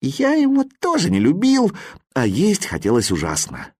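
A man reading a children's story aloud in an expressive, playful storytelling manner. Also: a little high, normal speed, slightly rough, dry recording, studio quality. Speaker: audiobook reader.

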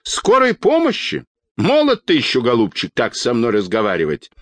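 A man voicing a spry, stubborn old woman in a storybook reading, speaking in a high, dignified, scolding way. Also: huge pitch swings, a little slow, fairly bright tone, dry recording. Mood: indignant.

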